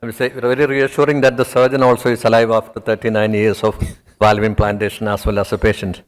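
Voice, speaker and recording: A man's voice: on the low side, flat delivery, quick pace. Matter-of-fact man moderating. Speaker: panel moderator, doctor. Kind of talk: conference panel discussion.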